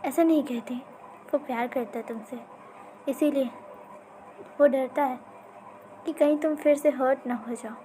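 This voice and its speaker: A woman voicing a playful, affectionate young man who speaks gently and teases. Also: high voice, fairly even intonation, unhurried, pauses often, a little hiss or hum. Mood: tender. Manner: teasing, gentle.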